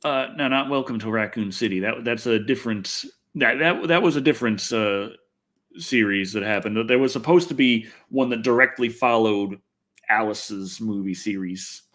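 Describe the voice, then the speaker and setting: A Texan American man hosts a rambling, casual livestream, answering viewers, thinking aloud, swearing freely and teasing himself. A livestream host and video reviewer, he has a fairly low, fairly bright voice and keeps a moderate pace.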